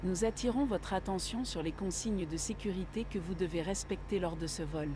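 A woman reading a scripted passenger safety announcement in an even, formal manner, heard over the aircraft intercom. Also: on the low side, normal speed, background noise.

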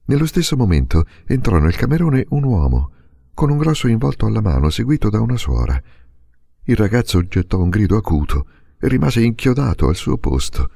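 Male audiobook narrator; dark, gravelly timbre, expressive interpretive reading. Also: lowish voice, brisk. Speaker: audiobook reader.

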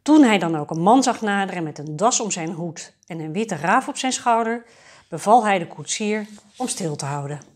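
A woman storyteller reading a fairy tale for adults aloud in a calm, measured way. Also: mid-range voice.

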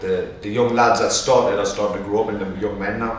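A man's voice: on the low side, level tone, fast talker, heavy reverb, recorded from a distance, poor audio. A man, a martial arts head coach talking casually in an interview in a gym. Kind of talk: interview answers. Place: indoor gym.

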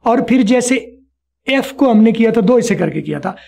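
A man teaching spoken English in an online class, repeating each sound slowly for his students. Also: very high voice, expressive, creaky, dark tone.

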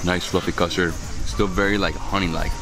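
A man in his thirties speaks in a very low voice as he tastes dishes outdoors, holding the camera at arm's length. He is effusive and keeps murmuring with pleasure between remarks. Clear music plays under his voice. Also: steady tone, normal speed, low-quality recording. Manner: enthusiastic, savoring food with frequent mms. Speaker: food travel vlogger. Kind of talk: casual food vlog narration. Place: outdoor restaurant terrace under a vine pergola. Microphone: camera held at arm's length.

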